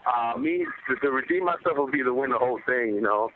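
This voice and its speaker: A man's voice: mid-range voice, lively intonation, quick pace. A man, a professional fighter, chatting casually and slangily as he answers questions on a media conference call over the phone. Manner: slangy, repetitive, conversational. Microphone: telephone. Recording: narrow phone line with faint noise.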